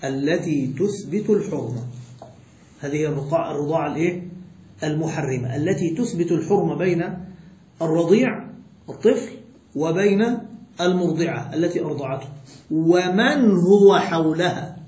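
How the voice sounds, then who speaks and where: A man's voice: a little high, animated, a little fast, mellow, echoey room. A man teaching a jurisprudence lesson with an Egyptian accent, stretching words and quizzing his students. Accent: Egyptian Arabic. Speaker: sheikh teaching Islamic jurisprudence. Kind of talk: classroom lesson with questions to students.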